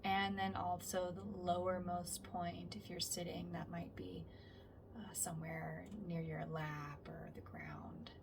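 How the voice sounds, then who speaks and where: A woman instructor leading a calm grounding exercise, speaking gently and letting phrases trail off softly. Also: on the low side, slow pace. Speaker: somatic practice instructor. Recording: distant mic with faint background noise.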